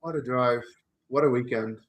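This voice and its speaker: A man from the Netherlands with a Dutch accent, giving emotional, excitable live reactions as a streamer during a race watchalong. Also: mid-range voice, moderate pace.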